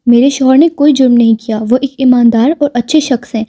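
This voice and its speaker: A woman's voice: high-pitched, mellow, no room sound, clean studio sound, close to an everyday voice. Woman voicing a loyal fiery wife. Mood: angry. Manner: playful with husband, harsh and angry with police. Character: loving loyal wife, sharp-tongued when angered.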